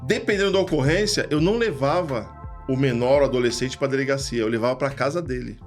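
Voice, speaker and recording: A man's voice: medium pitch, quick pace, soft background music. A man with a São Paulo accent telling stories casually, acting out the people he quotes. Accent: São Paulo Portuguese. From Brazil. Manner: animated, acts out quoted voices. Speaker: podcast guest, retired police lieutenant. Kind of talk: casual storytelling.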